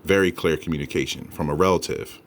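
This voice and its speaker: A man's voice: extremely low pitch, fast talker, a little hiss or hum. A man giving casual, emphatic commentary as a paranormal host, speaking straight to his listeners and repeating points for them. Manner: addresses listeners as folks, emphatic repetition. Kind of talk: casual commentary on EVP recordings.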